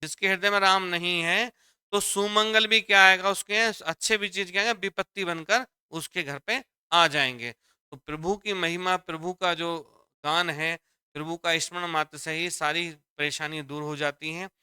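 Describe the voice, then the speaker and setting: Male Hindi teacher, fairly high, bright and crisp voice, dry close sound; explains patiently and repeats each point. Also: fairly even intonation, moderate pace, no echo. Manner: explains step by step, repeats lines, addresses students as dear children. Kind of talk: exam-prep grammar lesson.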